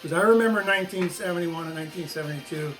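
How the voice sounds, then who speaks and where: A former teacher from the United States, now in his sixties and running a video channel, races through an opinionated explanatory monologue in a fairly high voice. Music plays in the background and the audio is poor, while he emphatically repeats phrases for stress.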